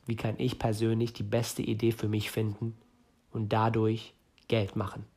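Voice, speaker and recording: A man's voice: lowish voice, completely flat delivery, normal speed, a little mellow, husky. A man in his late twenties from northern Germany, hosting a solo podcast and giving listeners direct career and startup advice. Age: 20s. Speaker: podcast host.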